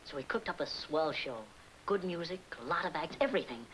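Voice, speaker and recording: An earnest pleading niece. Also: female voice, sits low, animated, brisk, a bit bright, low-quality recording. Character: earnest young woman asking her aunt for help. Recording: old film soundtrack with hiss.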